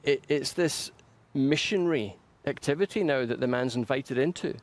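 Guy preaching a sermon, mid-pitch, earnest and emphatic, repeats himself for punch. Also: normal speed. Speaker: pastor. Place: church.

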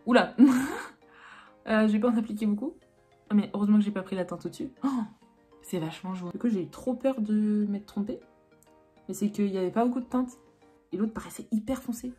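A woman's voice: mid-range voice, fairly quick, long pauses, warm tone. A young woman from France chatting casually through a makeup tutorial as a beauty vlogger, full of fillers and restarts. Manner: chatty, filler-heavy, self-correcting. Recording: faint background music.

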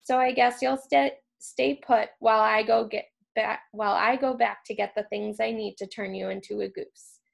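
A cackling, spiteful old witch from a storybook, voiced with a gravelly edge by a woman reading aloud. Her voice sits a little high and crackles at the bottom. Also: fairly even intonation, moderate pace, few pauses.

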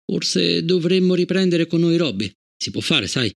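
Un uomo che interpreta in un audiolibro un padre di mezza età, stanco e imbronciato, dal tono basso e cupo. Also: male voice, lively intonation, moderate pace, vocal fry. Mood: glum. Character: weary, sulky middle-aged father.

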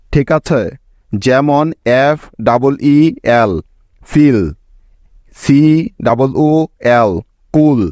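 A man's voice: mid-range voice, a little mellow, dry recording, lo-fi sound. A man teaching English spelling rules in a scripted lesson, explaining step by step and often stopping to ask whether the listener has understood. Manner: explains slowly and asks frequent check-in questions.

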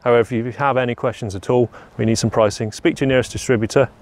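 A man's voice: medium pitch, fairly even intonation, very fast. Young man presenting a farm machine. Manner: plain, practical, repeats "very, very". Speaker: product presenter. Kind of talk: product walkaround demo. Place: garden lawn outdoors.

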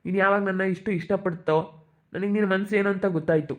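Fast-talking young man, reassuring. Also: high voice, fairly even intonation, slight background noise. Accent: central Karnataka Kannada. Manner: reassuring, repetitive, soothing. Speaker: vlogger. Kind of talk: emotional couple conversation. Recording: tinny phone-like sound.

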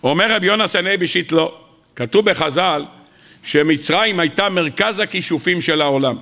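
A man giving a rabbi's sermon with a gravelly, bright edge to his voice. He talks in an animated way, posing questions to the listeners and answering them himself, and sometimes acts out the voices of the people he quotes. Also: sits high. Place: lecture hall.

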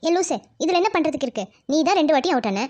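A woman's voice: sits high, animated, fast, darkish tone. A woman voicing a teasing young woman in a cartoon who bosses the children around. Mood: bossy. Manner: teasing and bossy. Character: teasing young woman, cheeky friend and sister. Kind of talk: cartoon voice acting.

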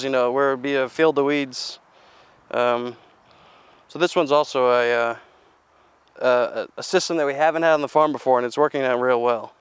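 Out in a farmyard, a young man walks through his farm equipment in a relaxed way, his smooth voice sitting on the high side. He talks plainly, often using fillers and starting sentences over.

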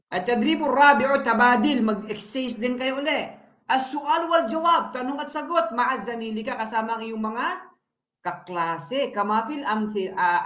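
A fairly high-voiced woman from the Philippines gives a home lesson to her children. She quizzes them patiently and stretches out each word as she drills it. The room around her is echoey. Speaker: parent teaching her children.

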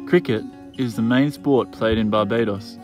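A man's voice: fairly low pitch, normal speed. A young man chatting casually in a laid-back, joking way while sailing and wandering a harbour town. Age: young adult. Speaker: sailing vlogger. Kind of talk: casual travel vlog chat. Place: outdoors on a sailboat and harbourside. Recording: music bed playing under the voice. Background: loud music.

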